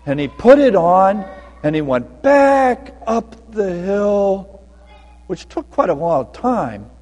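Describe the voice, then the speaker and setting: A man tells a story to children during a church service, playful and animated. His voice runs high with lively swings in pitch. A long church reverb trails every phrase. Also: slow pace.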